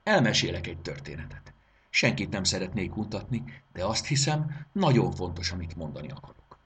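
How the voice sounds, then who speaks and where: A man's voice: sits low, very animated, a bit bright, a little hiss or hum. A man doing Debóra, a polite old pocket watch. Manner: courteous and apologetic, fussy about her springs.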